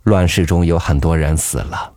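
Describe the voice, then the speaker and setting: A man reading a story aloud in a calm, measured storytelling voice. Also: low-pitched, no room sound. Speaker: audiobook narrator. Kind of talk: scripted storybook narration. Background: soft background music.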